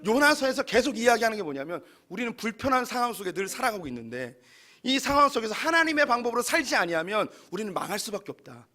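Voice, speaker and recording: High-pitched, bright male pastor preaching. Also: very animated, quick pace. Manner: conversational, emphatic preaching. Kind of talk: sermon.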